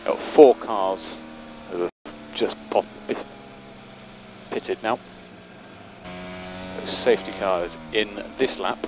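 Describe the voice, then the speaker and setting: A man works as race engineer, relaying short, matter-of-fact instructions over race car radio. His voice is low, with obvious vehicle noise on the channel. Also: slow pace, long pauses. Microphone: radio headset.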